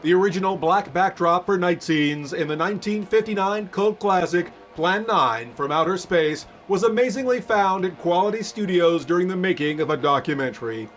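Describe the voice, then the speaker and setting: A man delivers a scripted sales pitch. His voice sits high for a man. Faint music runs behind him. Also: animated, normal speed, hardly any pauses, a bit bright. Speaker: advertising announcer.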